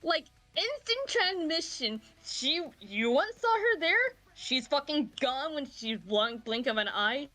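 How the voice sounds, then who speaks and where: A woman player in a tabletop game who describes her character's moves in an excited, rambling way. Her voice is high and bright, swooping widely in pitch, with faint music behind. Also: slow, hardly any pauses.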